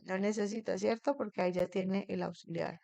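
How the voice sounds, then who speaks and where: A woman's voice: mid-range voice, steady tone, a little fast, vocal fry, warm tone, no room sound. A woman teaching an English grammar lesson in a classroom. She keeps checking in with her students and asks them questions.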